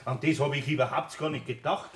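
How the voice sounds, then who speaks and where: An older man with a Bavarian accent playing a kindly, patient master carpenter in a radio play, with gentle, folksy speech. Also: mid-range voice, fairly even intonation, fairly quick, a little hiss or hum, lightly acted. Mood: puzzled.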